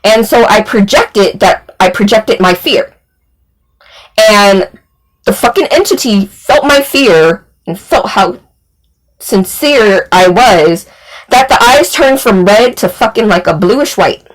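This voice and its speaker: A woman's voice: mid-range voice, expressive, takes it slowly, poor audio. A woman vlogger telling a personal story in a rambling, casual way, full of "like" fillers and swearing.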